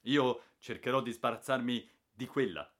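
A man's voice: mid-range voice, unhurried, close to an everyday voice. A man voicing a commanding old sea-wolf hunter who gives urgent orders in a raised voice in an adventure story. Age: older. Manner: imperious, urgent.

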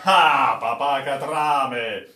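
A man voicing a boisterous, jovial ship captain who teases with loud exclamations, recorded in a roomy, echoey space. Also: medium pitch, very slow, far from the mic, pitched above the performer's own voice. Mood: teasing. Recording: roomy echo.

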